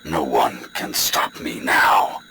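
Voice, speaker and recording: Casting: megalomaniac mecha villain, extremely low voice, slow ominous delivery, noisy game audio. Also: male voice, gravelly, full character voice. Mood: menacing, triumphant. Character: menacing megalomaniac mecha villain merged with a war machine. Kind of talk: video game villain voice acting.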